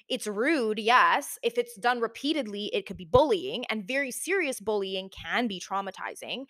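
An echoey, big-room recording of a young woman hosting a commentary video. She speaks informally at a middle pitch, as if thinking aloud, with plenty of "like" and "again". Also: bright, forceful tone. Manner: informal, conversational, frequent "like" and "again". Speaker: video host. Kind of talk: casual video essay commentary. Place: big indoor room with little furniture.

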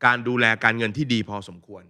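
A man's voice: mid-range voice, fairly even intonation, fast talker, bright, forceful tone. A man co-hosting a podcast as a money coach, chatting casually and joking, sometimes acting out quoted lines.

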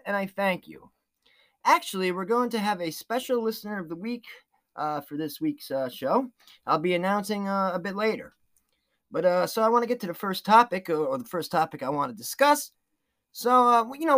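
A man's voice: sits high, fairly bright tone. A man hosting a solo podcast, talking loosely with lots of fillers and restarts and a sarcastic edge. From New York. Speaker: podcast host.

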